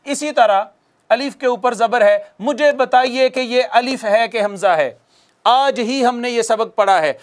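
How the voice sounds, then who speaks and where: A man teaching Quran recitation, patiently correcting and chanting drawn-out demonstration words for students to repeat. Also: very high voice. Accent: Pakistani Urdu. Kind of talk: recitation lesson with call-and-repeat.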